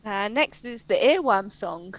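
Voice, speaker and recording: Woman, casual chat, slow unhurried delivery, giggly. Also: medium pitch, animated, dry recording, rough recording. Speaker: podcast co-host.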